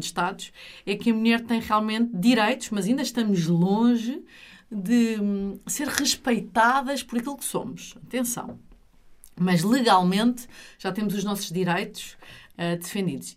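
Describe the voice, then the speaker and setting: Middle-aged woman, European Portuguese accent, interview guest, earnest and emphatic, explanatory, mid-range pitch. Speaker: interview guest, retreat leader.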